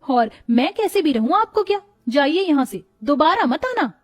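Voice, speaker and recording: A woman's voice: sits high, big pitch swings, moderate pace, soft background music. A woman voicing a scheming, spoiled young daughter-in-law who scolds sharply in a storybook. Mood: scornful. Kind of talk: storybook voice acting.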